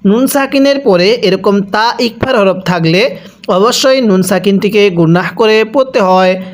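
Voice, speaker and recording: A man teaching Quran reading who spells out each syllable and then chants the verse slowly for students to repeat. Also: sits high. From Bangladesh.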